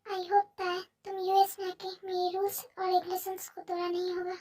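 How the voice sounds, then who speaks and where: A woman plays a possessive young husband in a fan-dubbed audio drama, cold and commanding. His voice sits very high yet comes out dark and mellow, with a narrow, even pitch. The mic is set at a distance. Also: normal speed.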